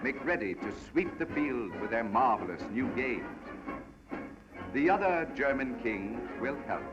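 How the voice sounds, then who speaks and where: A man's voice: medium pitch, very animated, measured pace. A man giving dramatic, declaiming narration in the style of an old newsreel. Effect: old newsreel sound. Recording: dull archival newsreel audio over loud music.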